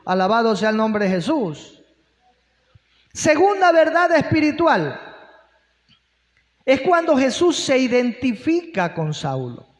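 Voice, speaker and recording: High-voiced, slow-preaching male pastor. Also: big pitch swings. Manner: asks rhetorical questions and breaks in with praise exclamations. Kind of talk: sermon. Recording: long hall reverb.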